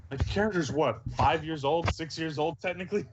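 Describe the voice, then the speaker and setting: A man's voice: fairly high pitch, brisk, slight background noise. A man playing a tabletop game, joking and laughing often, on a dull lo-fi recording. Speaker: player. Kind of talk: casual tabletop game chat.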